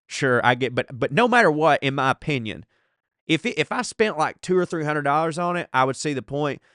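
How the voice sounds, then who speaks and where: A man's voice: fairly high pitch, expressive, brisk, fairly bright tone, dry recording, studio quality. A man with a blocked, congested nose and short breath, hosting a podcast in a casual, profane, bantering way. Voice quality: congested, stuffed-nose sound from allergies. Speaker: podcast host. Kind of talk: casual comedic podcast talk, reading listener mail aloud.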